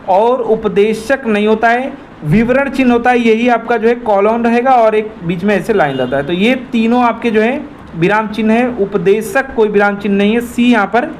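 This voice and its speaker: Man, high voice, exam tutor talking viewers through a quiz, repeats the key answers, faint hiss behind. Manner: repetitive, addresses viewers as friends. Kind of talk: explanatory quiz walkthrough.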